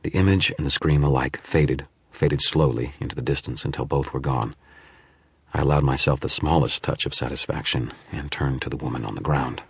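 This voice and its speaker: A man narrating an audiobook in the first person, in steady, measured storytelling. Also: very deep voice, slightly rough, no room sound.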